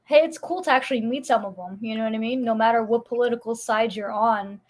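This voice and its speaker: A woman's voice: fairly high pitch, fast. A woman hosting her live stream in casual chat, chatty and agreeable. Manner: chatty, agreeable, lots of yeahs.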